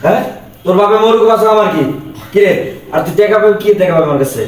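A man's voice: high voice, fast talker, natural voice. A man with a Bangladeshi Bengali accent playing a harsh, contemptuous employer who bullies his servant. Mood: bullying. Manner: harsh, bullying, sneering. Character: cruel, contemptuous male employer. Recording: echoey room, mic far off.

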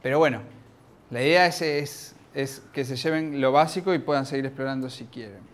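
A man with an Argentine accent giving an informal, lively technical talk at a conference, often restarting his sentences. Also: medium pitch, moderate pace. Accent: Argentine Spanish. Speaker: conference speaker. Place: conference room.

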